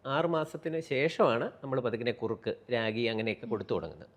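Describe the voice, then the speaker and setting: A man who is a pediatrician with a Kerala Malayalam accent, calmly explaining child health and dropping in English medical terms. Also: mid-range voice, fairly quick, lo-fi sound. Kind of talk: explaining to an interviewer.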